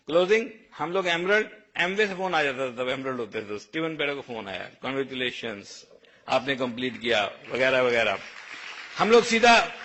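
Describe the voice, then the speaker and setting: A man giving a storytelling speech, lively and anecdotal, acting out bits of dialogue. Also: a little high. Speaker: motivational speaker.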